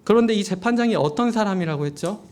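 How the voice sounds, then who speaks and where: A man's voice: high voice, expressive, fast, darkish tone. A man, a junior pastor, preaching a storytelling sermon at a midweek church service, speaking directly to the congregation and asking it questions. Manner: asks the congregation rhetorical questions.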